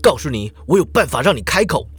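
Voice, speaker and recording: A man's voice: on the high side, very animated, fast, husky, no echo, pitched above the performer's own voice, heavily acted. A man voicing an angry young king who demands answers and makes threats. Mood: demanding.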